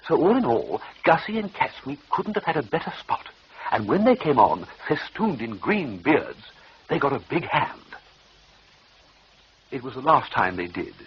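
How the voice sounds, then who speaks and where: An actor playing an excitable young upper-class gentleman who narrates in breezy, animated posh slang in a radio play. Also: mid-range voice, moderate pace, slightly rough. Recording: dull old radio recording with hiss.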